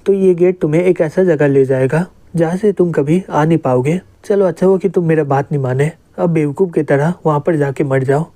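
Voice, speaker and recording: A man's voice: on the high side, fairly quick, few pauses, mellow, natural voice. A man voicing a vengeful old undead guard lord who makes grim threats in a comic explainer. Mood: menacing.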